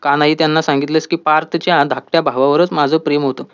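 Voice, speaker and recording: A man's voice: on the high side, flat delivery, fast talker, clear, resonant tone, highs cut off, pitched below the performer's own voice, lightly acted. A man reading a needling young woman friend. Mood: prodding.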